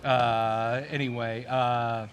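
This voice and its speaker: A man's voice: mid-range voice, level tone, very slow, noisy background. A man appearing as a regular podcast guest, talking casually with lots of hesitant fillers and self-deprecating jokes. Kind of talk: casual chat. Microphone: headset mic.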